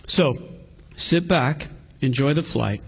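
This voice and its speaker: A man speaking as an airline pilot making a calm, steady in-flight announcement from the flight deck. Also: mid-range voice, takes it slowly, creaky, husky, dull audio. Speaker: pastor.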